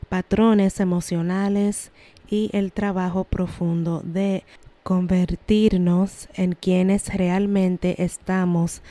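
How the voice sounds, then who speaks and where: Woman, young adult, solo podcast host; unhurried, calm, earnest delivery. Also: lowish voice. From Lawrence, Massachusetts, USA. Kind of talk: reflective solo podcast monologue.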